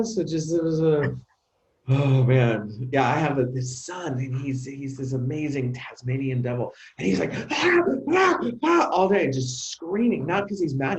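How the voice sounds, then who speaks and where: A middle-aged man talking openly as an interview guest, animated and halting, often restarting and acting out sounds. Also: mid-range voice, echoey room, slight background noise. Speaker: actor and coach, interview guest. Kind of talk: emotional conversational interview.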